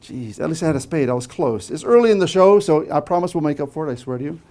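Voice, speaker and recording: A man's voice: fairly high pitch, expressive, fast, mellow. Playful male magician working a live crowd. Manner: teasing, playful banter with volunteers; frequent tag questions. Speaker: stage magician. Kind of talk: live stage patter to an audience. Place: small theatre stage before a live audience.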